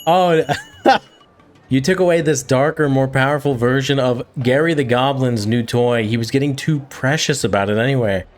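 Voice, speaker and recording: A man narrates his own gameplay in a casual, wry way. He has a mid-pitched voice and thinks aloud as he goes, over faint music. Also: normal speed. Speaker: gaming video host. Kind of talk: casual let's-play commentary.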